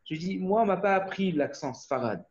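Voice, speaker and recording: A man's voice: high-pitched, lively intonation, normal speed. A man born in Australia giving an informal Torah class over a video call, rambling with many restarts and checking in with his listeners. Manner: rambling, restarts often, asks "hmm?" of listeners. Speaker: Torah teacher. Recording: muffled video call audio.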